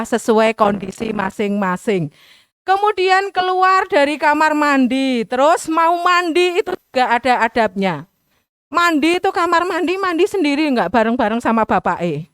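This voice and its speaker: A woman's voice: on the high side, no room sound, clean studio sound. A middle-aged woman teacher with a Javanese accent, talking to students in a chatty way and acting out everyday examples. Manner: chatty, mixes in local dialect, acts out examples. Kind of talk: school orientation talk. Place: school hall.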